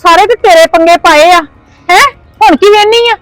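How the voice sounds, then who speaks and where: A woman playing a shrill scolding mother-in-law. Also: normal speed, fairly bright tone, no echo, faint music behind, rough recording. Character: scolding quarrelsome mother-in-law, shut out of the house. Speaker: actor. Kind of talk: village family drama acting.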